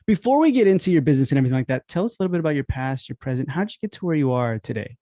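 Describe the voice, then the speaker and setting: A man's voice: a little high, expressive, very fast, mellow, no echo, clean studio sound. A man hosting a podcast, easygoing and laughing along in a casual interview. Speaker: podcast host.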